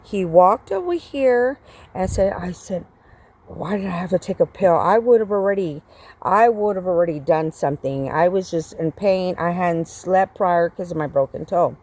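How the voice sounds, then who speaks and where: A woman's voice: lowish voice, animated, moderate pace, a little mellow. A middle-aged woman telling a story casually to her viewers, rambling and swearing, with many fillers. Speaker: vlogger.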